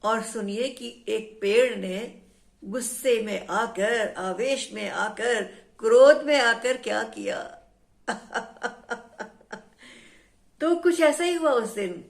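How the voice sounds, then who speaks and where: Slow, lilting woman telling a children's story. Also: a little high, gravelly. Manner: rhythmic and repetitive, often laughing and asking the listeners questions.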